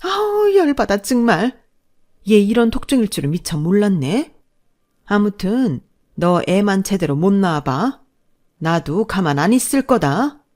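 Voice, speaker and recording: A woman voicing a sharp-tongued older mother-in-law who scolds and mocks her daughter-in-law in a storybook reading. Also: sing-song, unhurried. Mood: threatening. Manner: scolding, shrill outbursts.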